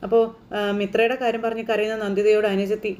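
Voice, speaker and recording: A woman's voice: mid-range voice, flat delivery, fast talker, a little mellow, a little hiss or hum. A woman casually retelling a TV serial episode in a chatty, rambling way, adding little "you know" tags. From Kerala. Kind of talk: casual spoken recap of a TV serial.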